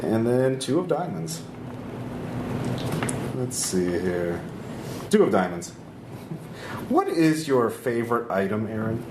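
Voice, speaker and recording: A man with a very animated voice runs a tabletop game as game master. He narrates casually and jokes with profanity, recorded in a roomy space with clear background noise. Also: medium pitch, slow, long pauses. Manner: profane, jokey.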